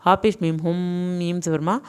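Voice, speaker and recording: Female reading teacher, lower register, smooth clear tone; slow syllable-by-syllable drills with brisk explanatory asides. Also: steady tone. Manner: spells out syllables slowly and deliberately, then blends them; explains rules in quicker, plain teacherly asides. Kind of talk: recorded online lesson.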